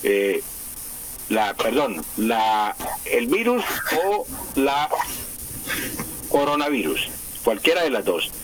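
A man's voice: mid-range voice, big pitch swings, takes it slowly, long pauses, slight background noise. A man, a language expert on a live radio news show, explaining patiently with frequent hesitations and repetitions over a phone line. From Colombia. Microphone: phone line to the studio.

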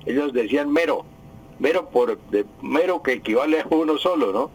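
Man, husky-voiced language professor, didactic radio explainer who drills the correct form. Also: mid-range voice, expressive, moderate pace, a little mellow, low-quality recording. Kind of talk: radio language advice segment.

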